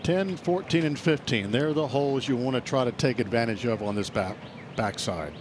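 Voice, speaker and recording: A man with a mid-pitched voice gives live golf commentary as the analyst. He explains strategy in short, advisory remarks, with outdoor noise clearly heard behind him. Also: moderate pace.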